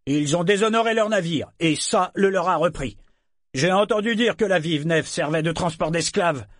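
A man's voice: high voice, normal speed, no room sound, clean studio sound, voice pushed up, natural voice. A man voicing a stingy, scornful old merchant who blusters his refusal.

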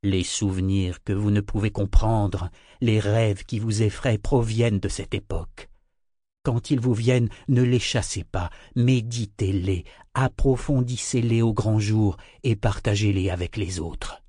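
A man voicing a large, weary old male serpent who speaks slowly and haltingly in a storybook reading. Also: fairly low pitch, warm tone, no room sound, clean studio sound. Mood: solemn. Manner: slow, halting, solemn.

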